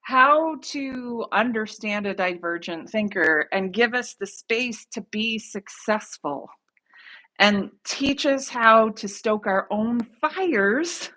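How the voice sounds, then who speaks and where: Slow-talking woman in her forties. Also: fairly high pitch, expressive, bright, forceful tone, low-quality recording. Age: 40s. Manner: rambling, chatty, reads out viewer comments, laughs often. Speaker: livestreaming artist. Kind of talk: casual livestream chat.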